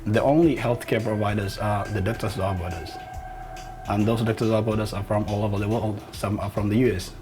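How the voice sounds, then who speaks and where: A man's voice: on the low side, fairly even intonation, a little fast, over music. A man from Somalia, a medical student, telling his story in an interview with many hesitant fillers. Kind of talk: interview testimony.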